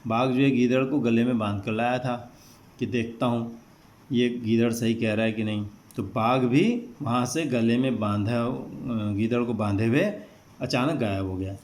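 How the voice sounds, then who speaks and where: A male teacher explaining a classroom text line by line, slowly glossing each word and repeating meanings. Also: mid-range voice, darkish tone. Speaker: Sanskrit teacher.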